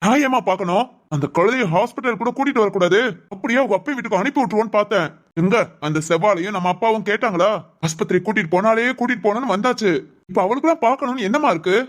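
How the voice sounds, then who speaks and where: A woman voices a stubborn, hot-headed adult son in a Tamil family cartoon, a son fiercely protective of his mother. Her mid-range, lightly acted delivery is indignant, ranting very fast and insisting on getting his way.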